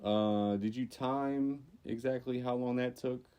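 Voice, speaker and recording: A young man from Louisiana co-hosting a podcast, telling stories in casual chat and jumping up in pitch for emphasis. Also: measured pace, smooth. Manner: animated storytelling, jumps up in pitch for emphasis. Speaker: podcast co-host.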